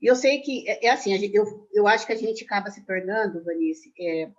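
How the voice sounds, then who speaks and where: Retired numerologist guest in her sixties, rapid and emphatic, muffled lo-fi video-call sound. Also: medium pitch. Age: 60s. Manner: animated storyteller, quick and emphatic. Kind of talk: casual chat on a video call.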